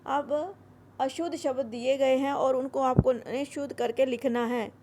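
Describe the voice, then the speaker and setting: A woman with a high, fairly evenly intoned voice goes through a Hindi grammar worksheet, saying each word slowly and then drilling the correct form. She mixes English words into her explanation, and the background is noisy.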